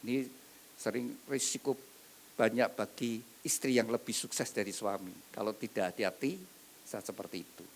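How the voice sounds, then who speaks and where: A man preaching a wedding sermon, swinging between loud emphatic lines and soft asides. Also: on the low side, moderate pace, vocal fry, slight background noise. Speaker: pastor.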